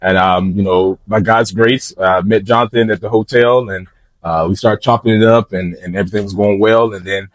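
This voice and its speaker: A man from Atlanta, a bar co-owner, talking in a relaxed, easygoing way in an interview. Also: fairly low pitch, normal speed, no room sound. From Atlanta, Georgia, US. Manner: relaxed, easygoing, with fillers and restarts. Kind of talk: casual interview.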